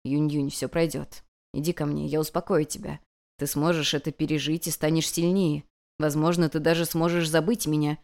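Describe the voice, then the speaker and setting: A woman voicing an ancient male god, a weary and restrained teacher speaking softly and evenly. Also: sits low, pitched below the performer's own voice, natural voice. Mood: weary calm. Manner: soft, even and measured.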